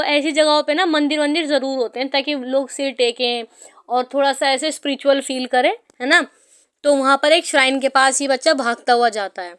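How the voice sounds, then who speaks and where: Woman teacher, high voice, explaining a story, chatty and patient with students. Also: fairly bright tone. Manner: explains English words in Hindi, calls students "beta".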